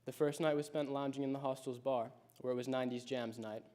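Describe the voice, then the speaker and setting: A high school senior, still in his late teens, presents a personal speech he prepared, telling his story with reflection and measured pacing. The tone is steady and a little mellow.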